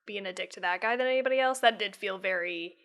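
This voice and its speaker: A woman co-hosting a podcast, talking casually with halting restarts and frequent swearing. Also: mid-range voice, a bit bright. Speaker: podcast co-host. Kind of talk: casual chat about a horror film.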